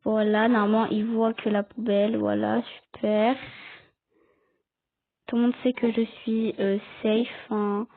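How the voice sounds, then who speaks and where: A woman's voice: flat delivery, measured pace, creaky. A woman giving casual commentary while playing a game online, chatting, explaining the rules and arguing with other players. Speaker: gaming video creator. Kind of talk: casual Let's Play commentary. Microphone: cheap headset or desk mic. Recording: tinny low-quality mic.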